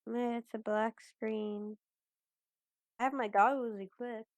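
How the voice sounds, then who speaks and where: A woman's voice: fairly high pitch, fairly even intonation, slow pace, no echo. Playful woman chatting at a game table. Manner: playful and giggly. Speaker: player. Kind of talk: casual chat at a tabletop game.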